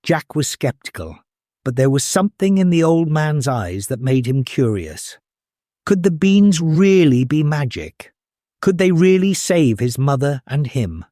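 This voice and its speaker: A man reading a children's storybook aloud as a storyteller, in the expressive, measured manner of a fairy tale opening. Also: a little high, dry recording, studio quality.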